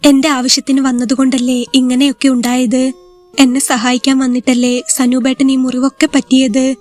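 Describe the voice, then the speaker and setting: A woman's voice: sits high, completely flat delivery, normal speed, darkish tone, faint music behind, natural voice. A woman voicing a young injured wife who asks anxious, pleading questions in a spoken story. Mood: tearful.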